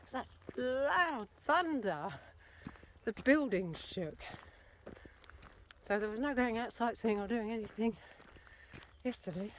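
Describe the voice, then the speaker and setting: A woman's voice: a little high, a little hiss or hum. Chatty British woman vlogging on a trail. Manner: chatty, rambling, self-correcting. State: a bit out of breath. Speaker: walking vlogger. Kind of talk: casual vlog narration while walking. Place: outdoors on a walking trail. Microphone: handheld camera.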